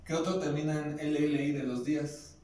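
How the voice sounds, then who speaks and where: A Nahuatl teacher with a Mexican Spanish accent explains patiently and quizzes his students during a language class. His voice sits on the high side, warm and steady at a normal speed, captured by a distant mic in an echoey room with faint noise.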